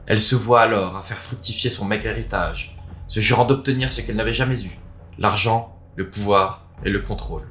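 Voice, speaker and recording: A man hosts a video, opening with a casual introduction before reading a written story aloud expressively. His voice is lowish and a bit bright, recorded with a roomy echo and background music underneath.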